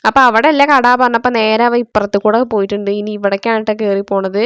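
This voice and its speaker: A woman's voice: medium pitch, steady tone, very fast, a bit bright, clean tone, dry recording, clean studio sound. A young woman from Kerala, a mother, narrating her family's day in a chatty voice-over and often tagging sentences with "you know". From Kerala, India. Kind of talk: casual voice-over vlog narration. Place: indoors, near a road with passing traffic.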